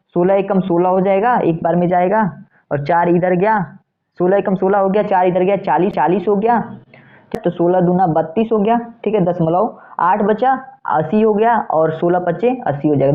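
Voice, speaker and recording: A male physics teacher talks through an exam problem step by step. He asks questions and answers them himself, and keeps checking in with the listener. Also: high-pitched. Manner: repeats steps, with frequent "theek hai" checks. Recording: tinny phone-like sound.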